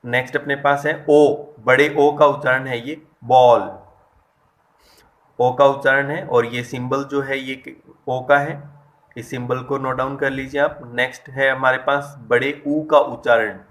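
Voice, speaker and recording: A man gives an English phonetics lesson to his students. He talks in a flat, level voice, hesitating and correcting himself as he goes. He draws out and stresses each example word. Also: medium pitch, measured pace. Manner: explains step by step and addresses students directly; stresses and drawls out example words. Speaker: English teacher. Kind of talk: online lesson.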